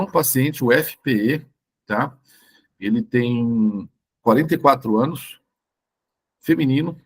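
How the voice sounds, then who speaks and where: A hoarse doctor with a Brazilian Portuguese accent gives a live online lecture, his voice gravelly and rough around the edges. He talks informally and keeps checking in with his listeners. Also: mid-range voice. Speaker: doctor teaching a course.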